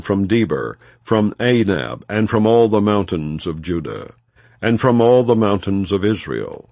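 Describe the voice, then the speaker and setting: Narrating scripture as an audiobook, a man with a low voice keeps his phrasing solemn and measured. The reading is plain rather than dramatized, though his intonation moves widely, and the audio is dry and echo-free.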